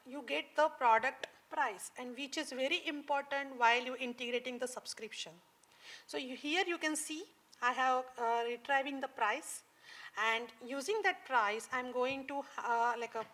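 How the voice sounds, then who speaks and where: A woman explaining code on a conference stage, halting with many fillers and non-native phrasing. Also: sits high, pushed and bright. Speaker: conference speaker. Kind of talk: live tech talk on stage.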